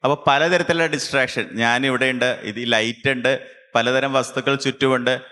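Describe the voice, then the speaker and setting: A man, a camp instructor who leads a concentration exercise with slow, calm instructions and long pauses. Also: mid-range voice.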